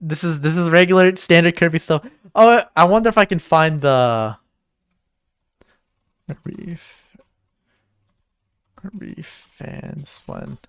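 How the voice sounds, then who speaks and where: A man co-hosting a livestream in casual chat, excitable and jokey, swearing now and then. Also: fairly high pitch, measured pace, pauses often, smooth, no room sound, studio quality. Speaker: stream co-host.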